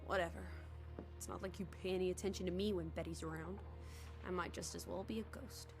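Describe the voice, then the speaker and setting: A woman's voice: fairly low pitch, steady tone, a little fast, natural voice. An actress voicing a spirited, teasing young woman companion in a video game, breezy, sardonic and a little bossy. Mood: sulky. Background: game music.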